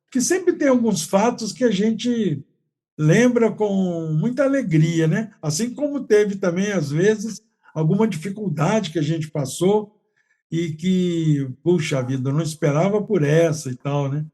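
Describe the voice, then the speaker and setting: A man's voice: high-pitched, expressive, a little slow, mellow. A man hosting a podcast, prompting his guest with follow-up questions in casual talk. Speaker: podcast host.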